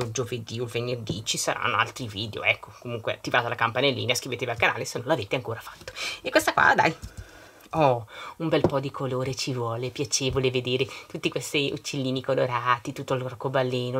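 A woman's voice: very deep voice, fairly bright tone, breathy edge. A middle-aged woman vlogger chatting casually while decorating her planner and opening a surprise bag, reading out long lists of greetings. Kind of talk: casual chat while unboxing.

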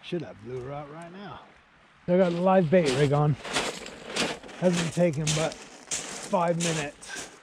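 Fishing outdoors at night on a beach beside a small shelter, an angling vlogger in his forties chats to camera with casual, enthusiastic running commentary in a matey, informal way. His voice is on the high side, and he speaks slowly with long pauses. The outdoor location sound is clearly noisy.

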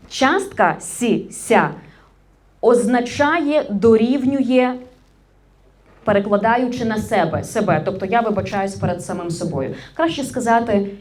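A woman media trainer giving an interactive workshop on correct Ukrainian usage, quizzing her audience and correcting common mistakes, with a Ukrainian accent. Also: a little high.

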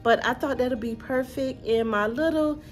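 A woman's voice: high-pitched, normal speed. A woman, chatting casually to camera about her thrift finds from her living room and calling her viewers y'all. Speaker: thrift haul vlogger. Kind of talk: casual haul vlog to camera.

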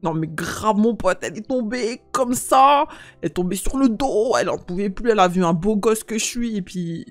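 A cocky young street guy jokes in thick slang and teases whoever is near, his voice pushed high. A woman acts him out in a game role-play. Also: moderate pace, no room sound, soft background music, natural voice. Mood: brash joking. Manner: slangy, teasing, repeats street interjections. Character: brash young male street guy, loud and joking.

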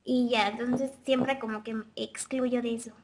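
A woman's voice: on the high side, level tone, normal speed, background noise. A woman with a childlike, girlish voice, chatting casually on a webcam live stream and answering viewer questions. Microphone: webcam mic.

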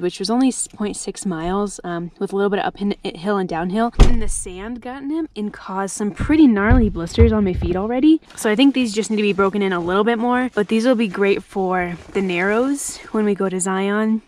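A young woman chatting excitedly in a casual travel vlog, filmed in a parked car with a camera held at arm's length. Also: medium pitch, slight background noise. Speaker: vlogger. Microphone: handheld camera at arm's length.

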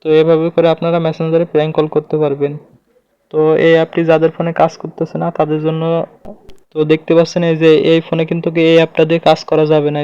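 With a fairly high but dark voice that is clear and resonant, a man hosts a relaxed tutorial without any echo. Narrating each step, he points things out and keeps returning to filler phrases, recorded close up in slightly dull lo-fi.

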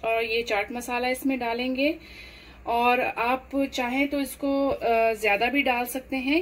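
A woman explains a home recipe step by step, unhurried and full of fillers. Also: sits high, slight background noise, rough recording. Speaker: cooking channel host. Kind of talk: home cooking demonstration voice-over.

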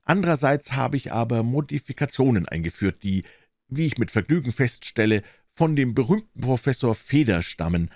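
A man voicing a smooth, evasive older male asylum director with a lively, insisting manner. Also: medium pitch, normal speed, no echo, studio quality. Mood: insistent, courtly.

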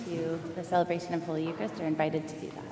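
A woman's voice: low voice, little pitch movement, over loud music. Solemn woman priest with cathedral echo. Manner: measured, solemn liturgical recitation. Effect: cathedral echo from a large church. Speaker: priest leading the Eucharist. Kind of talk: reciting the Eucharistic prayer in a church service. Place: large church during a service. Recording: echoey hall with faint room noise.

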